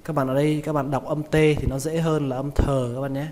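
A man with a Vietnamese accent teaching English pronunciation, repeating each word slowly and stressing its syllables. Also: on the high side, little pitch movement, warm tone. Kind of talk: pronunciation lesson. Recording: reverberant room with faint noise.

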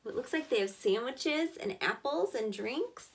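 A woman in her thirties, a preschool teacher, reads a picture book aloud to young children, pausing for simple, encouraging explanations. Her voice is slightly high, expressive and a bit slow, with a faint hiss or hum, recorded indoors close to the mic.

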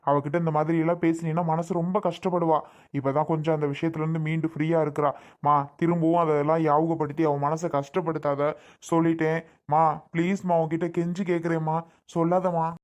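A woman's voice: medium pitch, a little fast, darkish tone, close to an everyday voice. A woman playing a protective young husband who argues with and pleads with his mother. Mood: pleading. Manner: pleading and arguing, urgent. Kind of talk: family drama skit.

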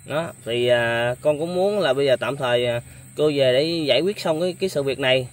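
A man's voice: medium pitch, a little fast. A young man hosting a casual interview, speaking politely with many hesitant fillers. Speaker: vlogger host.

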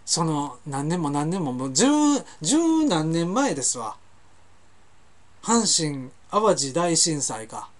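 Chatty Kansai man with lively pitch. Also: slow. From Kansai, Japan. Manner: chatty, rambling anecdotes with frequent self-corrections. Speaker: host of a web talk show. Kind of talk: casual storytelling monologue.

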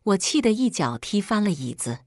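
A woman's voice: mid-range voice, sing-song, normal speed, no echo, studio quality. A woman reading a first-person family quarrel story in a scripted, dramatic storytelling way.

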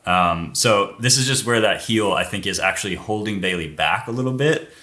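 A man's voice: fairly low pitch, moderate pace, bright, forceful tone. A man co-hosting a casual climbing technique breakdown, explaining moves and pointing things out on screen.

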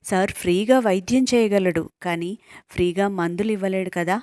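A brisk hospital nurse who explains fees in a firm, matter-of-fact way, read by a woman narrator. Her voice sits at an ordinary pitch and sounds dry and close. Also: fairly even intonation, a little mellow, no echo, close to an everyday voice.

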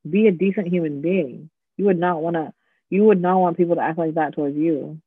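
A man hosting a podcast, telling stories in a casual, animated way and acting out the people in them. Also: fairly high pitch, brisk, breathy edge, no room sound, phone-quality sound. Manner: animated storytelling with quoted voices. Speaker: podcast host. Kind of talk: casual chat.

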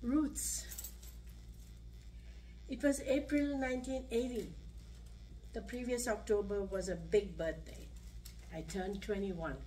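A woman's voice: mid-range voice, steady tone, dark tone. An older woman from Sri Lanka, reading her own personal story aloud at a podium in a senior center. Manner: measured, reads from a page. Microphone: podium mic. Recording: distant room recording, faint hum.

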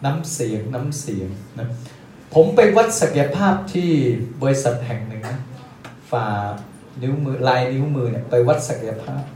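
A man giving a live sales seminar, talking in a lively, joking way and repeating his key phrases. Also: mid-range voice, moderate pace. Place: company seminar room. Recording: echoey room, distant mic, faint hiss.

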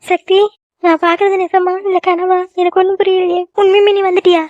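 A woman's voice: sits high, fairly even intonation, very fast, darkish tone, no room sound, lo-fi sound, lightly acted. A woman voicing an emotional middle-aged village mother in a cartoon, scolding her daughter and doting on her son. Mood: tearful. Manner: scolding, then tearful and doting. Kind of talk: cartoon voice acting.

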